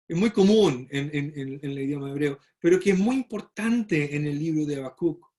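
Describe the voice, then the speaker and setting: Man, slightly high voice, Bible study teacher, explanatory lecture, checks in with listeners. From Chile. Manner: explanatory, frequent "¿verdad?" tag questions and fillers.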